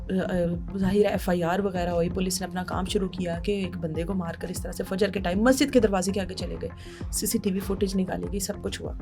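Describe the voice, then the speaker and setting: A woman narrating a crime case on a talk show, animated and acting out the people she quotes. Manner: animated, shifts pitch for quoted speakers.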